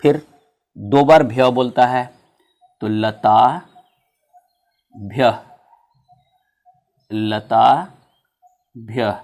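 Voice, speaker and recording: Man reciting grammar forms in a lesson. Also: mid-range voice. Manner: recites word forms slowly, with frequent "theek hai" check-ins. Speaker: Sanskrit grammar teacher. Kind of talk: classroom-style video lesson.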